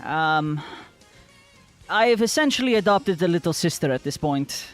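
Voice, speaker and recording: A man playing a tabletop game, chatting and role-playing casually in a halting, improvised way. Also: fairly high pitch, animated. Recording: music playing behind the voice. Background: background music.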